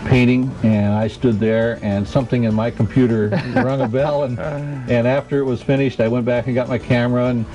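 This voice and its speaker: A man in his fifties, an artist and furniture maker, telling his story casually with relaxed pauses and fillers. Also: medium pitch, faint music behind, rough recording. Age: 50s. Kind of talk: casual interview.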